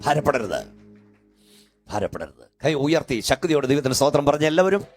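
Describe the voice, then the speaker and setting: An older man preaching a sermon as pastor in a church hall, with fervent repeated calls that build up to shouting. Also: fairly high pitch, very animated, fairly quick, faint music behind.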